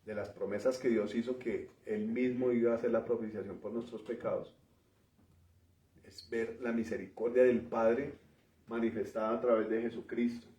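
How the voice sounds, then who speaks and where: A man preaching a teaching sermon, explaining word meanings in a measured way and often ending phrases with a questioning tag. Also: medium pitch, flat delivery, warm tone. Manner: pauses and restarts while working through word meanings. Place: church. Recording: roomy, distant, dull church recording.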